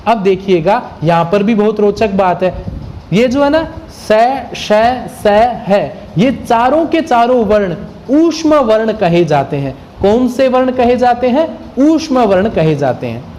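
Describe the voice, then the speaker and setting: A man's voice: high voice, very animated, a little slow, a little mellow, a little hiss or hum. A man teaching Sanskrit grammar in a classroom lecture. He asks his students questions, answers them himself, and sounds out letters one at a time.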